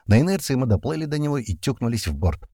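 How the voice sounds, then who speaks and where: A man's voice: medium pitch, sing-song, quick pace, no echo, studio quality. A man narrating a first-person action audiobook in a tense storytelling manner. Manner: tense storytelling with shouted commands.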